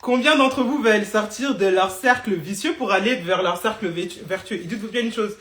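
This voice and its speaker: A woman's voice: mid-range voice, fairly quick, a bit bright, reverberant. A woman coaching beauty entrepreneurs in a live stream, blunt and teasing, tossing in English phrases.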